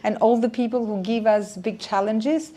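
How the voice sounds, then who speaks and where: A woman's voice: fairly high pitch, fairly even intonation, normal speed, dark tone. A woman hosting an interview podcast, encouraging her guest and summing up her story before asking questions. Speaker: podcast host. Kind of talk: interview host.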